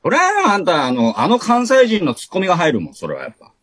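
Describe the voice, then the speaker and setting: A husky-voiced man nearing fifty with a Hakata dialect needles his old friend playfully. He speaks quickly, and his pitch ranges widely. The recording is close and dry, like a video call. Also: wildly swooping pitch, a bit bright, no echo. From Fukuoka, Japan. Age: late 40s. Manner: playful teasing, cheeky. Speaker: podcast co-host. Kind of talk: casual banter over video call.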